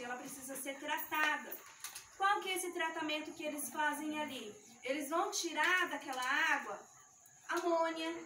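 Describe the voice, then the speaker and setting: A woman's voice: high voice, sharp tone, slight background noise. A woman giving a youth ministry teaching talk, explaining each step of a live demonstration to her listeners, her voice shaky with nerves. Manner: explanatory, talks the audience through each step. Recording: echoey room mic from far off.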